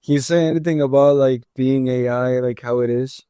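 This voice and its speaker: Flat, smooth-voiced young male co-host. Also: mid-range voice, fairly quick, no echo, clean studio sound. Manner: hesitant, with many fillers and restarts. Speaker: podcast co-host. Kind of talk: casual chat.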